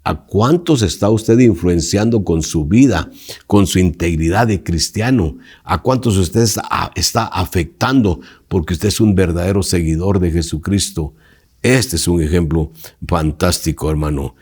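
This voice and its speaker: A man's voice: low voice, a little slow, darkish tone, breathy edge. A male pastor teaching a Bible lesson, emphatic and preacherly, putting direct questions to his listeners.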